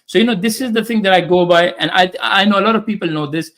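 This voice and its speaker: A Pakistani man whose first language is Urdu talks casually, emphatic and opinionated, in a high, fairly bright voice at a fast pace. He often repeats phrases and acts out quoted voices.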